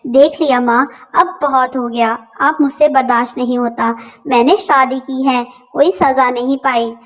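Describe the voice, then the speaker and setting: A woman's voice: high voice, fairly even intonation, moderate pace, lightly acted. A woman voicing an exasperated young husband who scolds his wife. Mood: angry. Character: fed-up young husband, short-tempered.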